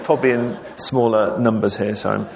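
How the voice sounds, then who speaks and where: Guy reading his book out loud to a crowd, lowish husky voice, big echoey hall. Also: steady tone, noisy background. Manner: measured, clear storytelling with dry asides. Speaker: author reading his novel aloud. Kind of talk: live literary reading. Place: hall with a live audience. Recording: long reverb of a large hall.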